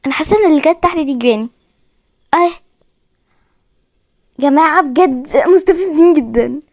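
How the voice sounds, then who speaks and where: In casual commentary over a horror game, a chatty young host with an Egyptian Arabic accent talks to her viewers and keeps saying she's scared. She has a high, slightly mellow voice and a fairly quick pace. It's a dry recording with clean studio sound.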